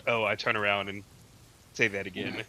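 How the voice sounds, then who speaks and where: A man's voice: lowish voice, level tone, normal speed, pushed and bright, poor audio. A man playing in a tabletop game, hesitant, laughing easily. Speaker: player.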